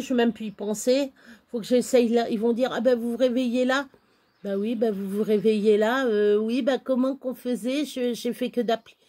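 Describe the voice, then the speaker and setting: A woman's voice: on the high side, a little mellow. A middle-aged woman vlogging at home, chatting casually to her viewers in a rambling, exasperated way while moving around. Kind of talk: casual chat to camera.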